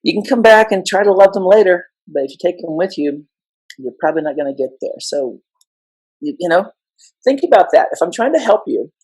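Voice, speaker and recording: A man's voice: high-pitched, darkish tone, husky, low-quality recording. A middle-aged man telling his story as a guest in a casual interview, impassioned and emphatic with a joking streak. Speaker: guest educator.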